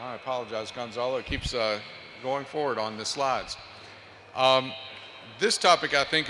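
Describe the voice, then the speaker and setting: A man's voice: medium pitch, bright, forceful tone. A man who directs a research center, introducing the next speaker at a conference and hesitating often with fillers. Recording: reverberant hall with faint noise.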